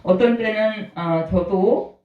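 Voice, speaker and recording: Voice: medium pitch, slow pace, far from the mic, phone-quality sound. A pastor in their sixties preaches in a folksy, chatty way, throwing questions out to the congregation. The voice sits in the middle of the range and sounds set back from the microphone. A roomy church echo hangs around every phrase. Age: 60s. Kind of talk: conversational sermon. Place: church sanctuary.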